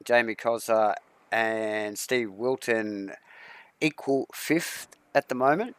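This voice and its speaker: A man's voice: fairly low pitch, slow, smooth. Give me a man hosting a sim racing broadcast in a loose, rambling commentary style. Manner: rambling, reads long lists of names. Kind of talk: casual commentary chat.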